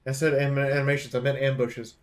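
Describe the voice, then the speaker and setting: A man's mid-range voice comes quickly over slight background noise as he reviews video games. The commentary is casual and spontaneous, rambling and opinionated, full of energy and slang.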